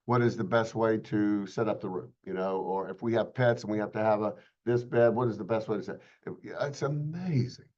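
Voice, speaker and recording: A man's voice: on the low side, a little fast, few pauses, darkish tone, lo-fi sound. Folksy joking male real estate instructor. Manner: folksy, joking, chatty with students. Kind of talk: casual classroom webinar lecture.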